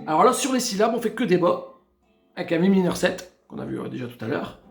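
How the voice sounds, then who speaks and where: A man's voice: sits high, sing-song, creaky. A man teaching guitar, explaining chords step by step and counting beats as he plays. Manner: slow step-by-step explaining, counting beats and singing snatches while playing. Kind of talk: guitar tutorial. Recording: echoey room with loud guitar.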